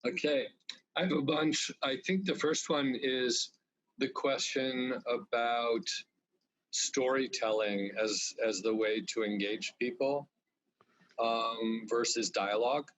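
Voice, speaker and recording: A man asking a question in a video call discussion, measured and thinking aloud. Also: medium pitch, fairly bright tone, rough recording. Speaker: workshop participant.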